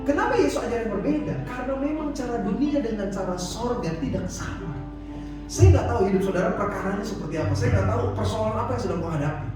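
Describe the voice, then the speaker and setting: A male pastor preaching a sermon in a relaxed, storytelling way at a church service. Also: sits high, fast. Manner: conversational storytelling, casual slang. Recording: echoey church hall, distant mic, music behind.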